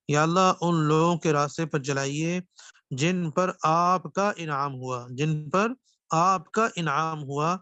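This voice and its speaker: Guy teaching tajweed, kinda high voice, dry close sound, keeps asking and answering himself. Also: bright, forceful tone, dry recording. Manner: asks questions and answers them himself, repeats key phrases; slows into drawn-out recitation of verses. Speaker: Quran recitation teacher. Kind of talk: classroom tajweed lesson.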